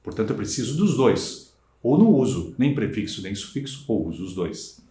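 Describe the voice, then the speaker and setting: A man with a Brazilian Portuguese accent teaching a recorded lesson, stretching key words slowly and checking in with listeners. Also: lowish voice, big pitch swings, warm tone. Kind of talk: recorded lecture. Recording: roomy sound from a distant mic.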